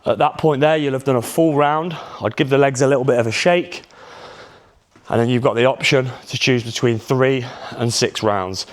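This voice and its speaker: A man's voice: mid-range voice, steady tone, moderate pace. A man coaching a workout, a little out of breath, upbeat and counting reps. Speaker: fitness coach. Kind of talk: workout instruction. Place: outdoors in a hot holiday spot.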